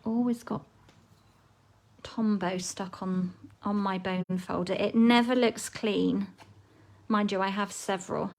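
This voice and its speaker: A woman's voice: mid-range voice, takes it slowly, gravelly, low-quality recording. A woman, with a frog in her throat, giving a live craft tutorial and chatting casually while she works. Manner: chatty, relaxed, talks while working. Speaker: papercraft demonstrator.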